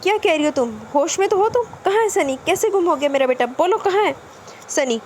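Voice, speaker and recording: A woman voicing a young husband who speaks softly and lovingly but turns harsh and shouting. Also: high voice, a little hiss or hum, lightly acted. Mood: furious. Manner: soft and tender, turning to harsh shouting.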